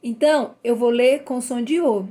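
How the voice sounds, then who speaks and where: A woman giving a children's reading lesson, sounding out letters slowly and praising the listener. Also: fairly high pitch, warm tone. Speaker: literacy teacher. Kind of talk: slow phonics lesson for children.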